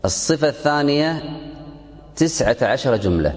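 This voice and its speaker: A man's voice: medium pitch, big pitch swings, moderate pace, big-room sound. A man teaching a religious text to a class, repeating key phrases and quizzing his students. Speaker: sheikh teaching a fiqh text. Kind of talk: classroom lesson explaining a text.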